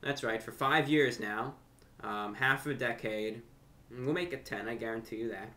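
A young man with a bright, medium-pitched voice speaks deliberately and formally. He's a YouTube host and amateur radio broadcaster, talking unscripted to the camera from a furnished room in his home.

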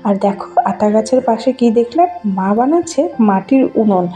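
A woman's voice: on the high side, expressive, normal speed, faint music behind. A woman in her thirties from Bengal, chatting to viewers on a casual village vlog as she walks through a garden filming on her phone. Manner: chatty, gently enthusiastic, talks to viewers while showing things. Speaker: village vlogger. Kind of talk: casual walking vlog narration. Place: outdoors in a rural garden and fields. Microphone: handheld phone camera.

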